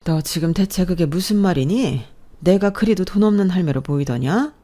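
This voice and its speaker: A stern older mother-in-law, as a woman acts her out in a radio story reading, scolding with firm weight. The voice is mellow and low, pushed a little louder when she reprimands. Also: lively intonation, normal speed.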